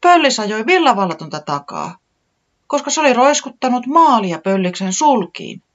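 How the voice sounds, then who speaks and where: A storybook reader voicing a small sick chick who frets and exclaims in a high voice. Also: dull audio. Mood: excited. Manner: high, excited and complaining. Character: small sick worried chick, easily upset.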